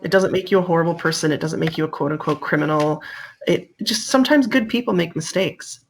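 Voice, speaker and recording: A middle-aged woman shares stories from her police work in a relaxed interview. Her voice sits a little low. She gets animated and pitches up when she quotes others. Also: a little fast, slight background noise. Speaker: police officer guest. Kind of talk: casual interview storytelling.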